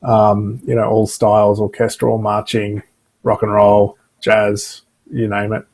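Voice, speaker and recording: Male musician on a video call, husky and monotone, relaxed and hesitant. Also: on the low side, a little slow. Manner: easygoing, hesitant with many ums. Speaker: debut actor and drummer. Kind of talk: casual video-call chat.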